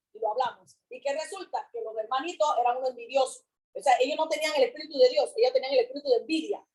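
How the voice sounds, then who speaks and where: Picture a woman preaching with a high voice. She repeats her lines with fervor and swings between loud calls and hushed words. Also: rough recording. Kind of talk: sermon.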